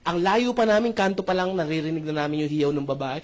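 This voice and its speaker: Over heavy background noise, a man with a fairly high, animated, fast voice pitches a marketing plan at a seminar. His lively talk blends Tagalog and English, full of jokes, frequent "tama ba?" checks, and polite touches like "po" and "mga brother, mga sister".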